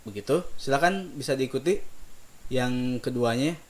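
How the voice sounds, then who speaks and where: This is a calm spoken lesson on melodic recitation from a man with a medium-pitched voice. Between leisurely explanations of every note, he sings long, slow phrases, and his quiet asides gently encourage the students.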